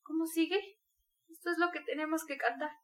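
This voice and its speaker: A woman's voice: extremely high pitch, steady tone, a little fast, fairly bright tone, pitched above the performer's own voice. A woman voicing a feverish dying mother. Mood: delirious. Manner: feverish, breaking between pleading and rage. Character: dying delirious mother, feverish, proud, desperate.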